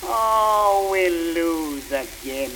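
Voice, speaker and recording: Excitable young male ballpark fan, put on by a woman, old-time slang, bright tone, faint noise behind. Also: fairly low pitch, extremely slow, exaggerated voice, rough recording. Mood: grumbling. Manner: old-time slangy dialect, shouting at the field. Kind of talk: comic poem recitation.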